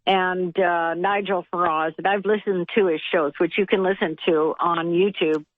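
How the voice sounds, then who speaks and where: A woman's voice: fairly low pitch, steady tone, moderate pace, dry recording. A woman calling a radio show by telephone, giving her opinion in casual conversation. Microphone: telephone call. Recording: narrow, dry phone line.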